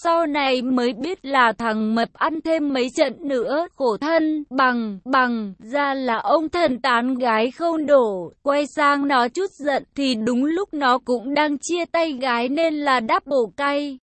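A woman reading a romance story aloud in a soft, unhurried storytelling manner. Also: high voice, dry recording.

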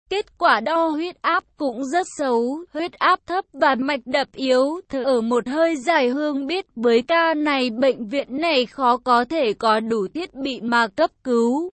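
A woman narrates an audio story in a steady, even manner. Her voice is high, and the recording is close and completely dry with no room sound. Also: dry recording.

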